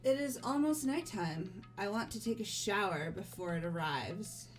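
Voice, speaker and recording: A woman lends her mid-range voice to a character in a fan-made game dub, reading the script in a calm, controlled, measured way while soft game music plays underneath.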